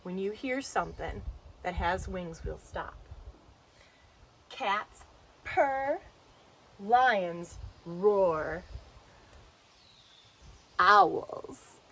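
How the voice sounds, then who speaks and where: A woman's voice: medium pitch, lively intonation, extremely slow, pauses often, fairly bright tone, poor audio. A woman hosting a children's lesson, talking playfully and directly to the kids watching. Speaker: children's educator and show host.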